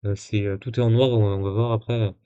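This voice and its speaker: A man's voice: lowish voice, fairly even intonation, a little fast, mellow, smooth, lo-fi sound. A man commenting casually on a live stream, full of fillers and restarts, with sarcastic asides while he reads messages aloud.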